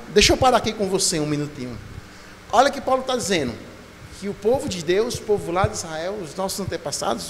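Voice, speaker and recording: A male pastor preaching a sermon, telling a lively story and acting out voices and sounds. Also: high-pitched, slight background noise. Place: church. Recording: church hall reverb, faint ambience.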